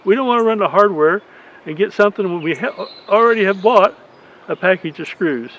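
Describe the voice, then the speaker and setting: A man's voice: high-pitched, animated, a little fast, fairly bright tone, a little hiss or hum. A man in his eighties, a beekeeper, chatting in a rambling, folksy way through an outdoor how-to video. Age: 80s. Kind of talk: casual how-to vlog. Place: outdoors in a rural yard. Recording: slightly dull lo-fi sound.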